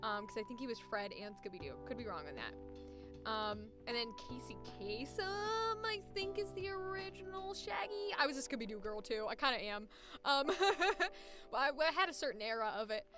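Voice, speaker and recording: A young woman voice actor is live streaming, chatting casually about voice acting in a high-pitched voice at normal speed, animated throughout. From time to time she tries squeaky character voices while music plays in the background.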